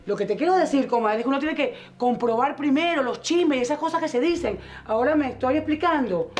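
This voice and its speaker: A woman's voice: high-pitched, animated, brisk, darkish tone. An actress with a Venezuelan accent playing a worried mother who pleads hesitantly and stalls with repeated words, in a telenovela. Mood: anxious, pleading. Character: worried mother urging caution about gossip. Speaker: mother of Clara. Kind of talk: telenovela acting.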